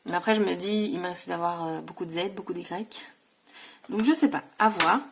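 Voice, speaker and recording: A woman vlogger with a lowish, husky voice and vocal fry talks briskly as she shows off her scrapbooking supplies. It's a casual haul video, chatty and loose, full of fillers and self-corrections.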